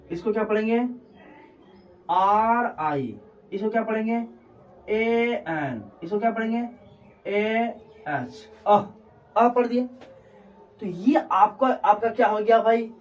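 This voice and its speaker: A man's voice: high-pitched, very animated, recorded from a distance. A man teaching a classroom lesson on Hindi vowels, repeating each sound and checking in with his students. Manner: repetitive, checks in with students, drawn-out words.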